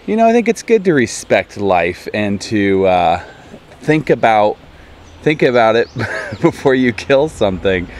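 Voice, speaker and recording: A man in his forties talking to a handheld camera by a lake in a relaxed, chatty way, with soft laughs. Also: lowish voice, a little slow, slight background noise. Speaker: family vlogger. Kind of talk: casual vlog talk to camera. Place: outdoors by a lake. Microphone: handheld camera at arm's length.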